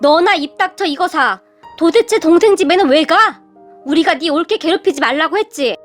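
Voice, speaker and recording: A woman voicing a blunt, sharp-tongued mother-in-law who scolds in an exasperated way. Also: high voice, moderate pace, soft background music. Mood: scolding.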